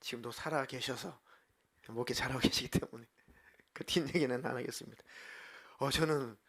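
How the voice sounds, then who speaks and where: A senior pastor, a man, preaching a midweek sermon with lively delivery. He acts out quoted dialogue and breaks into sudden loud outbursts. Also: mid-range voice, moderate pace, vocal fry. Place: church sanctuary.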